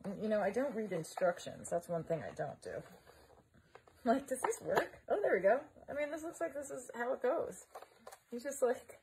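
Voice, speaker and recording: A woman vlogging live at home, chatting casually and thinking out loud as she unboxes a gadget. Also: on the high side, lively intonation, moderate pace, background noise. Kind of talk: casual live-stream chat.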